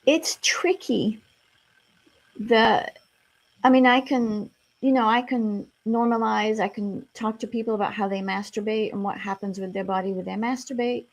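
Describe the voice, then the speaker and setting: A woman's voice: on the high side, steady tone, moderate pace. A middle-aged woman from France with an American accent, a therapist talking frankly and reassuringly in a casual interview, with many "you know" fillers. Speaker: sex therapist guest.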